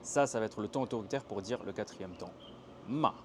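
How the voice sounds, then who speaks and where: A man's voice: fairly low pitch, fast, a little hiss or hum. A young man from France teaching Mandarin tones in a casual, chatty outdoor video lesson, acting out the intonations he describes. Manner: chatty, animated demonstrations of intonation. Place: outdoors by a canal in a Chinese city. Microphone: handheld tripod camera.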